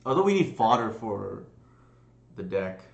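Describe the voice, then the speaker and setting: Low-voiced man mulling plays on stream. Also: sing-song, a little slow, vocal fry, reverberant, highs cut off. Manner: thinking aloud, hesitant with many fillers. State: burping and coughing at times. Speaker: streamer playing a card game. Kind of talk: casual live-stream commentary.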